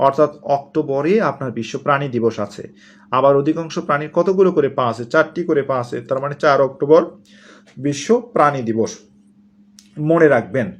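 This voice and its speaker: A man's voice: mid-range voice, a little fast. A man from Bangladesh giving an exam-prep lesson, asking questions and answering them himself, repeating key points. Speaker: teacher. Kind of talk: exam-prep lecture with memory tricks.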